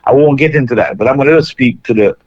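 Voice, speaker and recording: A Jamaican man calling in to a radio show, speaking earnestly and in a measured way. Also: mid-range voice, dry recording. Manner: earnest, measured, thinks aloud with restarts. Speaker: caller. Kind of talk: phoned-in call to a radio show. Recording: dull phone line.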